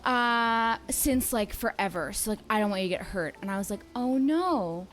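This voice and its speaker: Woman in her thirties, casual stream storytelling, mid-pitched, acts out quotes, faint music behind. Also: normal speed. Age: 30s. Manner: animated, acts out quoted dialogue. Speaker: streamer's girlfriend, guest.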